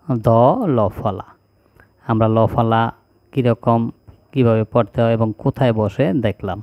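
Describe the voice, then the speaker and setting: A male teacher reads out a spelling lesson at an unhurried pace, one item after another. His voice is smooth and clear and stays level in pitch. The sound is dry and close, with no room echo. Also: narrow, tinny audio. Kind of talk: slow recited spelling lesson.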